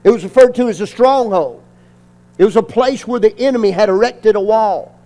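Guy pastor, real high voice, preaching and getting the crowd to answer back. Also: normal speed, mellow. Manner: call-and-response preaching with repetition and emphasis. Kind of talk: sermon.

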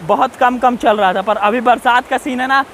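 Outdoors on a rocky hillside beside a waterfall, a male travel vlogger with a very high, slightly bright voice keeps up casual, chatty talk as he walks. He addresses his viewers constantly and repeats safety warnings, with faint water hiss in the background and poor audio overall.

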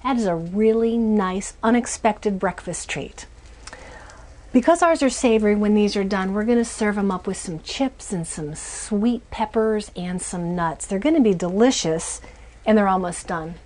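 A woman's voice: mid-range voice, a little slow, darkish tone. A woman in her forties hosting a cooking show from a small RV kitchen, chatty and upbeat as she walks through each step. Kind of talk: cooking demonstration.

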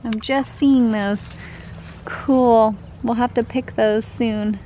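A woman's voice: fairly high pitch, steady tone, slow, mellow, rough recording. Chatty woman touring her backyard garden. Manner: chatty and enthusiastic, pointing things out as she walks. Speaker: home gardener giving a garden tour. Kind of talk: casual garden tour vlog. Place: outdoor backyard vegetable garden. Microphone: handheld camera, filming while walking. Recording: outdoor camera audio with clear background noise.

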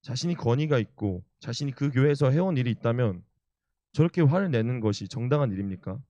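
Young man preaching, mellow and dry. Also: medium pitch, expressive, fast, no echo, dull audio. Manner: earnest storytelling, acts out quotes. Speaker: evangelist preacher. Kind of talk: sermon with personal stories.

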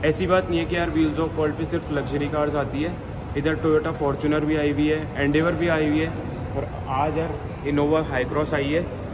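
A young man talks his viewers through a car in a showroom, loose and chatty, peppering his lines with filler words. His voice sits a bit high for a man, and clear background noise runs under him in the space. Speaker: car reviewer. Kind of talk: casual car walkaround vlog.

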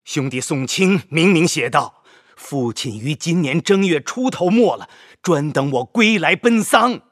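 An actor playing an earnest younger man, a dutiful son, husky and quick to grief and anger. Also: fairly high pitch, expressive, no room sound, clean studio sound. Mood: emotional. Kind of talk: audio drama acting.

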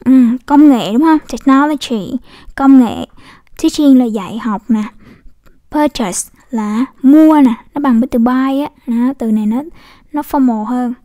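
A woman's voice: sits high, a little slow, warm tone. A woman English teacher explaining pronunciation casually, repeating model words and checking with her students. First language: Vietnamese.

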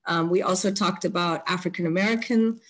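A woman's voice: fairly low pitch, fairly quick, fairly bright tone. Hesitant woman speaking in a webinar. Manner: hesitant, many fillers and restarts. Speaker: book editor presenting at a webinar. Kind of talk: academic webinar talk. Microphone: video call.

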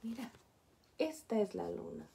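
A woman preschool teacher reading a picture book aloud to small children. She explains gently and often stops to point out the pictures. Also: medium pitch, lively intonation, measured pace, gravelly.

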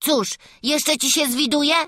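A woman voicing a cheeky, brave peasant boy apprentice in an audiobook, bold and quick to protest. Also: high-pitched, pushed and bright, no echo, studio quality, exaggerated voice. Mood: teasing, brave. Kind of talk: audiobook character voice.

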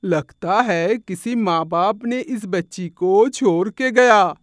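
A woman's voice: medium pitch, slow pace, no echo, studio quality, pitched below the performer's own voice, close to an everyday voice. A woman voicing a kinnar, a transgender woman, in a cartoon story, speaking urgently. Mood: alarmed.

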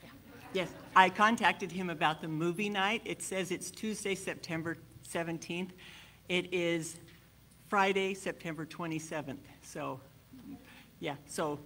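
A bubbly woman from the congregation with a bright, clear voice, giving a chatty announcement in church. She corrects herself often and keeps talking warmly, and faint noise sits behind her. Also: lowish voice, measured pace. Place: church sanctuary.

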